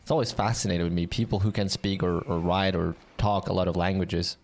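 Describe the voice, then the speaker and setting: A man's voice: low-pitched, a little fast. A man commentating an online game league match, explaining the action and chatting casually with his co-caster. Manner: curious, explanatory, animated. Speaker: esports commentator.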